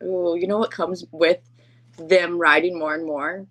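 A woman's voice: fairly low pitch, flat delivery, a little slow, noisy background. A woman co-hosting a podcast in casual chat, talking in an informal, chatty, self-deprecating way. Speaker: podcast co-host.

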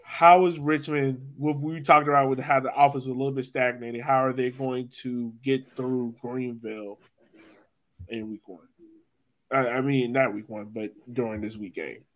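On a rough recording, a Virginia-born sports podcast host with an American accent chats about soccer in a relaxed, slangy manner. His mid-range voice holds a steady tone at a moderate pace.

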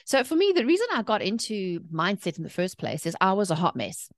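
Speaking quickly and with great animation, this medium-pitched woman shares personal stories as a guest on a podcast. She's in her forties, has a South African accent, and works as a mindset coach and author, and her chatty, emphatic interview manner comes through on a dry recording.

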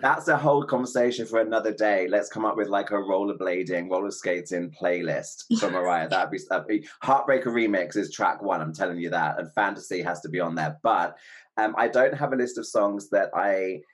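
A man co-hosting a casual music podcast, chatty and quick to laugh. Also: deep voice. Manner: chatty, giggly, apologetic asides. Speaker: podcast co-host. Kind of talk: casual chat.

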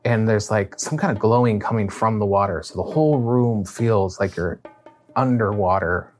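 A woman with an unusually deep voice narrates as game master of a tabletop game. She describes each room in a loose, easygoing way, with fillers and restarts. Faint music plays underneath. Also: normal speed, a little mellow.

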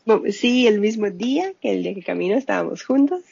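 Over crowd noise, a woman with a brisk, gravelly, mid-range voice tells lively stories in a casual interview, quoting herself. She's a scientist and mother whose first language is Spanish. The audio is muffled, dry and lo-fi.

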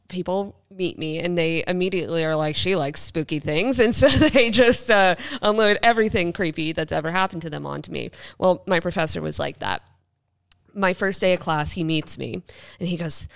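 A woman with a low, gravelly voice co-hosts a podcast, chatting casually and telling anecdotes. As she goes, she acts out bits of dialogue from her stories.

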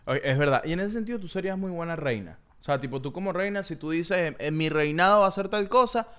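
A man's voice: on the high side, lively intonation, quick pace, a bit bright, smooth. A man co-hosting a podcast in playful, jokey casual chat. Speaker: podcast co-host.

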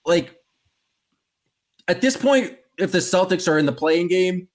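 Male podcast host, a bit higher-pitched, opinionated, loose and jokey. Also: animated, unhurried. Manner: rambling, opinionated, joking. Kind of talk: casual sports podcast chat.

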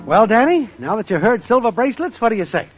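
A man playing a brash, wisecracking young schemer writing a song, with a husky voice, in 1940s radio comedy style, on a dull old recording. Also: high-pitched, big pitch swings, fast, faint music behind. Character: fast-talking male songwriting schemer.

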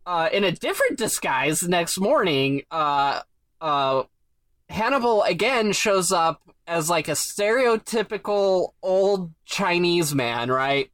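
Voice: mid-range voice, big pitch swings, slow, fairly bright tone, no room sound. A podcast co-host recapping an old TV episode in dry, laughing, casual chat.

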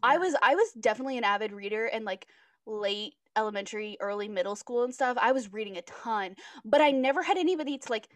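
A woman's voice: a little high, animated, fast, no room sound. A twenty-year-old woman co-hosting a podcast in casual chat, rambling and giggly with lots of filler words. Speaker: podcast co-host.

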